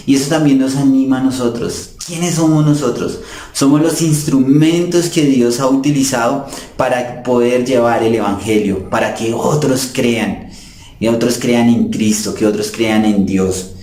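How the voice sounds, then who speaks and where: A man's voice: mid-range voice, a little mellow. A man preaching a sermon in an earnest way, addressing his listeners as brothers and sisters. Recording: roomy echo.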